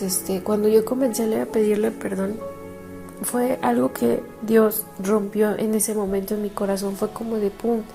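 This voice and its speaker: A woman pastor giving a devotional sermon, telling a personal story with soft laughs and frequent restarts. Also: mid-range voice. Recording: faint background music.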